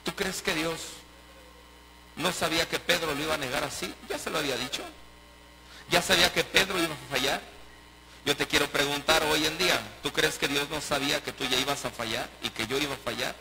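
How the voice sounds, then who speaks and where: A pastor with a slightly high voice preaches a sermon fairly quickly, emphatic and packed with rhetorical questions. Loud music plays behind him, adding background noise.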